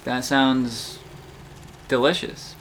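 A man chats casually, his speech halting and full of stammers and restarts. His pitch sits in an ordinary middle range. A faint hiss of background noise sits under his voice. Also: fairly even intonation, fairly bright tone. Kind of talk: casual chat.

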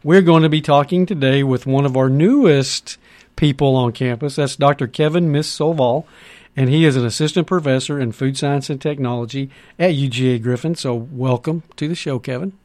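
A man's voice: mid-range voice, moderate pace, a little mellow. A male radio host with a middle-range voice welcomes his listeners and his guest. He rambles, restarting sentences before getting to the question. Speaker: radio show host, campus head. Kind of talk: radio interview hosting.

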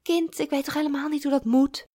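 A woman voicing an older female kindergarten teacher, tipsy and tearful, who rambles in a high, excitable voice. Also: brisk, no echo, clean studio sound, close to an everyday voice. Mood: rambling.

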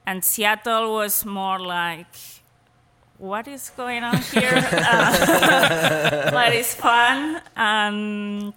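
A woman from Spain with a Spanish accent, a guest speaking thoughtfully in a relaxed interview and laughing easily. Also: a little high, very slow, in a large hall, background noise. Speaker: cheesemaker guest. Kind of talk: casual interview conversation.

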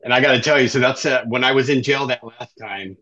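Fast, bright, and forceful, this middle-aged man's mid-range voice carries his story as a guest in an interview. He's a life coach from Southern California who chats conversationally and keeps tacking "right?" onto his sentences, over dull, dry, slightly lo-fi sound.

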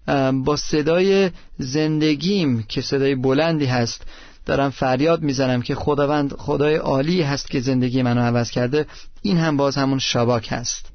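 A man teaching about worship in an earnest manner, pausing as he lists words. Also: fairly high pitch, dry recording. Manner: earnest, listing words with pauses. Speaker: preacher. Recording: dry, dull lo-fi recording.

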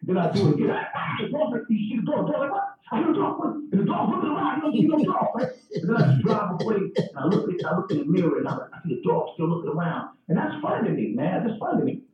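A man's voice: high-pitched, racing. A man, a stand-up comedian, telling stories in casual chat over a video call, acting out voices as he goes. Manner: animated, acts out voices and dog sounds. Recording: echoey, distant, phone-like call audio.

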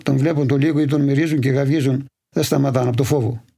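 A livestock farmer from Imathia, answering interview questions in detailed, steady storytelling. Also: male voice, mid-range voice, vocal fry. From Imathia, Greece.

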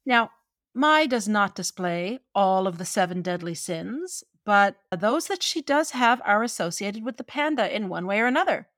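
Woman, medium pitch, conversational commentary, opinionated, expressive, wry asides, dry echo-free sound. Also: normal speed. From Newfoundland, Canada. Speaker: film commentator.

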